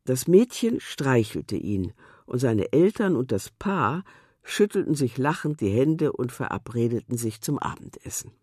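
A narrator reading a children's storybook aloud in a gentle, expressive way. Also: mid-range voice, unhurried, slightly rough, no room sound, clean studio sound.

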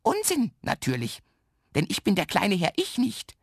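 A man's voice: high-pitched, wildly swooping pitch, moderate pace, dry recording, studio quality, voice pushed up, full character voice. A man voicing a tiny, mischievous, boastful imp with a round belly in a children's radio story, cheeky and bragging.

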